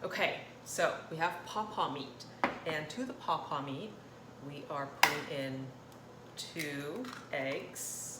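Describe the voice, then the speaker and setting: Here a woman from Thailand, low-pitched and unhurried, runs a relaxed cooking demonstration for her channel, wandering off topic and breaking into her own sentences. The indoor kitchen gives the audio a spacious echo. Dishes and cutlery clatter noticeably throughout.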